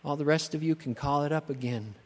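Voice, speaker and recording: A middle-aged man, a pastor, preaching a sermon in a church, slow and emphatic, building on repeated rhetorical questions. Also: a little high, a little mellow. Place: church sanctuary. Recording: long church-hall reverb.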